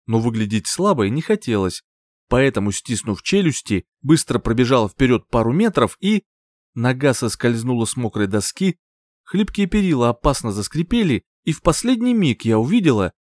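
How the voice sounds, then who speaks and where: Lively, expressive male audiobook narrator. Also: medium pitch, dry recording, studio quality. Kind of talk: first-person audiobook narration.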